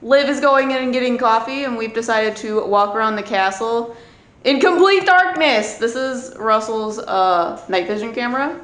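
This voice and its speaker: A woman talking casually and hesitantly in hushed tones on a night investigation vlog, recorded on a handheld camera inside a large old building. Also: a little high, moderate pace. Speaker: paranormal investigator vlogger. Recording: echoey room with clear noise and clicks.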